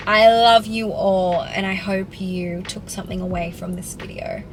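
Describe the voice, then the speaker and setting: A woman's voice: medium pitch, fairly even intonation, unhurried, noisy background. A young Australian woman in her twenties answering viewer questions in a casual vlog, chatty and full of "like". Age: 20s. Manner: chatty, peppered with "like". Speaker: fitness vlogger. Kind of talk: casual Q&A to camera. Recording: music playing underneath. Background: background music.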